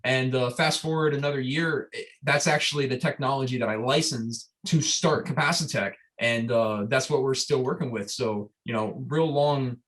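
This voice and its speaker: A man's voice: medium pitch, moderate pace, a bit bright. Rambling, enthusiastic young man. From Florida. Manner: rambling and enthusiastic, with many fillers and restarts. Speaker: startup founder. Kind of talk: casual storytelling interview.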